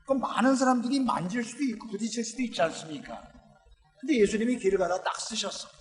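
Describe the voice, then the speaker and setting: A man preaching a sermon as a pastor, telling the story with lively acted-out lines from the characters. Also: sits high, fast. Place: church sanctuary. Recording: long church hall reverb.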